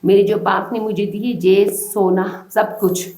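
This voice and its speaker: A woman's voice: mid-range voice, steady tone, warm tone. Distressed woman pleading, in a roomy echo. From Balochistan, Pakistan. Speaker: interviewee. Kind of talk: emotional testimony to a reporter.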